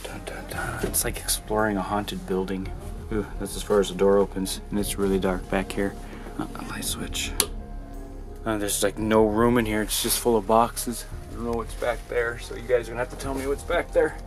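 A man's voice: fairly low pitch, little pitch movement, moderate pace, over music. A man vlogging as he explores cluttered rooms of an empty house and inspects an old computer, talking in a casual, curious, upbeat way, thinking aloud. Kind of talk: casual handheld vlog narration. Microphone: handheld camera mic.

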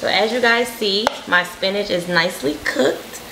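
A young cooking vlogger chats casually in her home kitchen, walking viewers through a recipe and explaining each step. Her voice is mid-range and gravelly at a normal speed, and loud kitchen noise fills the background.

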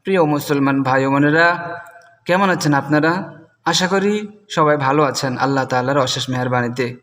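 A man with a Bangladeshi Bengali accent teaching Quranic recitation, spelling words out letter by letter and chanting the verses slowly. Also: fairly bright tone, long reverb tail. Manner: slow and deliberate, chanting the verses higher and drawn out. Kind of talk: spelling out Quranic Arabic word by word.

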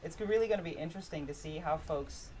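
A woman's voice: deep voice, quick pace, warm tone, a little hiss or hum. A woman co-hosting a live game stream, explaining the rules in an upbeat way while she steers. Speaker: co-presenter steering the ship. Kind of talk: live stream gameplay commentary.

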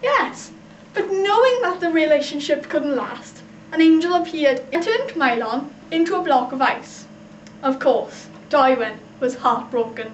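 Young female presenter, South Wales Valleys accent, high voice, homemade explainer video with echoey sound. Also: expressive, a little slow, dull audio. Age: young adult. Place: small computer room, living room and shopping streets. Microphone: camcorder microphone a few feet away. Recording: roomy echo with clear background noise.

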